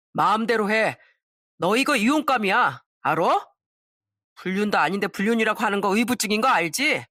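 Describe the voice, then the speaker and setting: A woman voicing a furious betrayed wife who shouts sharp accusations at her cheating husband in a story drama. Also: mid-range voice, dry recording, studio quality.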